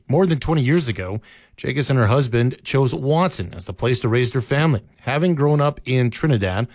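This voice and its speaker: Dry steady male news anchor. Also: mid-range voice, no room sound. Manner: steady measured news delivery. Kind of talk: scripted local newscast. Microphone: close studio mic, dry.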